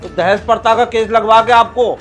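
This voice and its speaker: Greedy pushy father-in-law, played by a man, pitched up, music behind. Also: fairly even intonation, normal speed, fairly bright tone. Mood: demanding. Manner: threatening, demanding. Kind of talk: web-series family drama acting. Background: background music.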